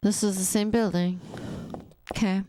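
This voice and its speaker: A woman's voice: mid-range voice, fairly even intonation, normal speed, dark tone, slight background noise. A young adult woman streaming a game, rambling casually with wry asides to her viewers and to the character she is playing. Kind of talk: casual live gameplay commentary.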